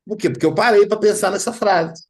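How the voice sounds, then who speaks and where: A man leading a spiritist study group, talking in a lively way, acting out little dialogues and often adding tag questions. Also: high voice, brisk. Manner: animated, acts out dialogues, frequent tag questions.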